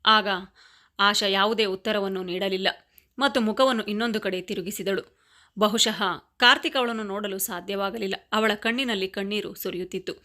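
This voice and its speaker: Woman, storyteller, scripted narration, steady even reading, mid pitch. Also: normal speed.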